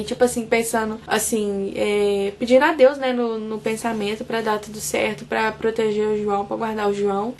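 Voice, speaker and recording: Young brazilian woman telling a story to her viewers, kinda high voice, soft and earnest. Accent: Brazilian Portuguese. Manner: soft, earnest recounting with many restarts. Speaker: vlogger.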